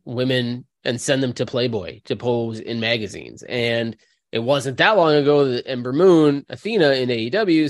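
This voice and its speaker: A man's voice: mid-range voice, no room sound, clean studio sound. A man hosting a podcast, talking through news in a casual, conversational way. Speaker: podcast host.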